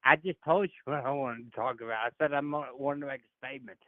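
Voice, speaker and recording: A man's voice: medium pitch, steady tone, fast, no room sound. Frustrated male caller on a tinny line. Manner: insistent, keeps pushing to finish his point. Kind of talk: heated call-in argument.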